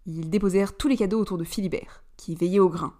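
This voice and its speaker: A woman reading a story aloud, narrating at an even, steady pace. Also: on the low side, quick pace.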